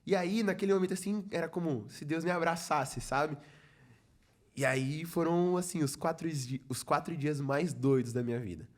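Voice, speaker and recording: His voice fairly high and his pace normal, a young Brazilian man tells his testimony during an easygoing podcast conversation, where he appears as a guest who leads a church youth group. He acts out the dialogue he describes and drops in lots of "falei assim" asides.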